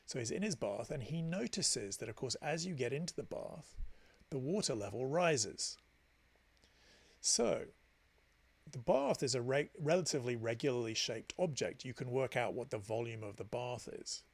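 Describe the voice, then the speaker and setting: A man's voice: mid-range voice, expressive, normal speed, slightly rough. A man teaching a meditation class, explaining ideas in a chatty storytelling way with self-deprecating asides. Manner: gives friendly explanations with frequent restarts. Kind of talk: informal class talk.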